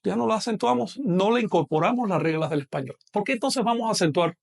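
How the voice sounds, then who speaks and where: A man teaches a language lesson online in a fairly high voice. His delivery is measured and patient, and he slows right down whenever he models a sound. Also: expressive, creaky. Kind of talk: online lecture.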